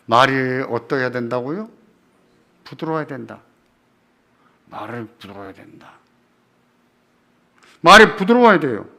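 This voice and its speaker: Male pastor, sermon, lively pitch, bright ringing tone, rhetorical questions, repeats key phrases. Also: measured pace, long pauses. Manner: emphatic, swings between loud and soft delivery. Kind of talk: sermon at a church prayer meeting.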